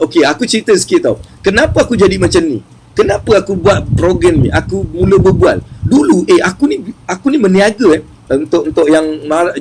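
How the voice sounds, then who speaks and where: Guy giving a motivational talk, kinda high voice, lively, says stuff over and over. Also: a little hiss or hum, rough recording. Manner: lively, chatty, repeats phrases for emphasis. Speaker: motivational speaker on wealth.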